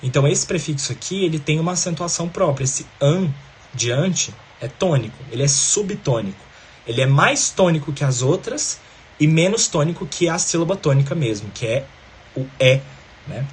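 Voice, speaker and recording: A man's voice: a little high, animated, normal speed, slight background noise. A man teaching a grammar lesson, explaining step by step and often checking in with the listener.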